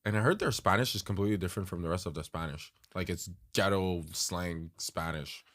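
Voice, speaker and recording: A young man co-hosting a podcast in casual chat, animated, asking questions and laughing easily. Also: sits low, brisk. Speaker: podcast co-host.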